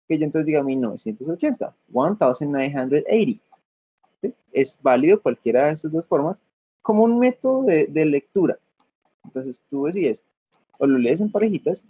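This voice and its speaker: A man's voice: a little high, warm tone, husky, lo-fi sound. A man teaching a class, explaining patiently step by step and often checking that students follow. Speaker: English teacher. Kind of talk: classroom lesson.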